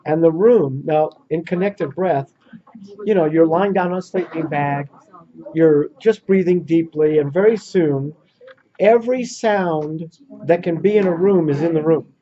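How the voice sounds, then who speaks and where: A man leading a workshop, telling a story to a small audience in an earnest, animated way. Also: a little high, measured pace. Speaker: workshop leader. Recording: muffled lo-fi recording.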